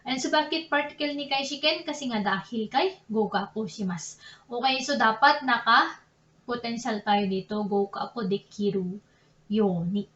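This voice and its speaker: A young woman explains grammar in a chatty, self-correcting way, laughing at her own slips. Her voice sits a little high. The recording is roomy and a bit muffled, with faint ambience behind her. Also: normal speed, a bit bright. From Philippines. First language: Tagalog. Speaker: Japanese language teacher. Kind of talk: casual online lesson in Tagalog and English.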